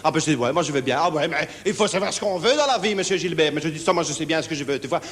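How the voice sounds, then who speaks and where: A man's voice: on the high side, racing, fairly bright tone, long reverb tail, natural voice. A man playing a jittery insomniac with a Belgian accent. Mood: nervous. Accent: Belgian French. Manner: fidgety, rambling, full of verbal tics. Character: nervous naive lonely insomniac man. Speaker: stage comedian. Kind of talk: one-man stage show. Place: theatre stage with live audience.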